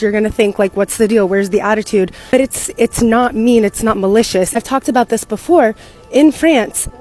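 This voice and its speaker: A young American woman from the United States, telling a story casually and profanely, acting out what people said. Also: on the high side. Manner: fast, animated, profane, acts out quotes. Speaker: expat content creator.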